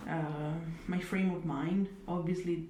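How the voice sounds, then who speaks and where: Unhurried and warm, a young Italian woman talks in a fairly low pitch with fairly even intonation. She is being interviewed in a reflective, conversational setting and comes across as thoughtful, with many hedges and fillers and a dry, wry humor. The distant mic picks up room echo and faint noise.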